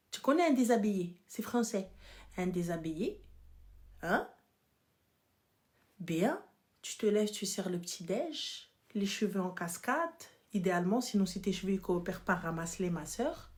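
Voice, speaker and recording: A woman hosting a casual live chat, playful and teasing, swinging between loud outbursts and hushed whispers. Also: mid-range voice. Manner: playful, teasing, mixes French with Arabic. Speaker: live stream host.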